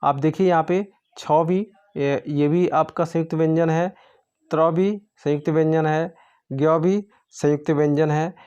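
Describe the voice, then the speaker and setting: A man's voice: fairly high pitch, steady tone, unhurried, a little mellow, clean tone, muffled recording. A man tutoring for an exam, going through quiz answers step by step in a patient way. He asks his own questions and then answers them.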